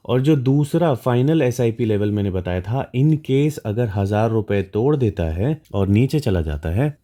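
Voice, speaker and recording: A man's voice: mid-range voice, dark tone. A man with an Indian accent walking through a stock chart in a casual, explanatory way, often checking in with his listeners. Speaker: stock market educator.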